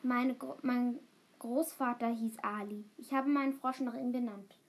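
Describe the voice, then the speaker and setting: A woman reading aloud, voicing a shy schoolgirl who speaks softly. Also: fairly high pitch, steady tone, measured pace. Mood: gentle. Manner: soft, gentle.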